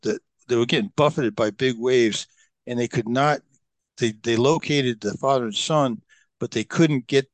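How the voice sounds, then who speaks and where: A man's voice: mid-range voice, dry recording. A middle-aged man, a podcast guest, telling long stories in a rambling, casual way with many fillers and restarts. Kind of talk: casual storytelling.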